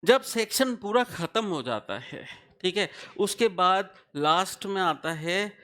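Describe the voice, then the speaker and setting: A man's voice: high-pitched, animated, slow pace, pushed and bright. A man teaching a tax law class, explaining step by step and often asking his students questions to check they follow. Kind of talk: classroom lecture.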